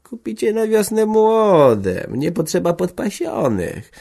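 A man voicing a sly innkeeper who haggles in a slow, coaxing way. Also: high-pitched, very animated, creaky, warm tone, voice pushed up, exaggerated voice.

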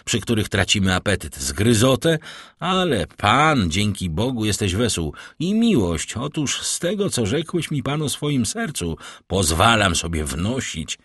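A man reading the part of a calm, worldly nobleman who speaks with smooth, measured courtesy. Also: lowish voice, no echo, studio quality, heavily acted. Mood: courteous. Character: suave worldly nobleman, calm and gently teasing. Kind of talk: audiobook character reading.

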